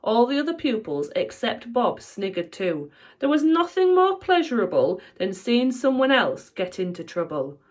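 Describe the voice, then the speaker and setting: A woman teacher reading a children's book aloud with playful, expressive delivery. Her pitch rises and falls a great deal as she tells the story and speaks straight to her young listeners. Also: normal speed.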